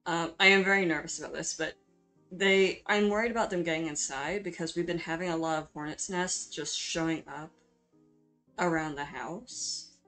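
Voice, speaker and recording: A woman with a slightly low voice narrates her video in an informal, chatty style. She is hesitant and self-deprecating, often apologetic in the way she talks. Music plays behind her voice. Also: steady tone, normal speed, pushed and bright. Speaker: video creator hosting a drawing speedpaint. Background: background music.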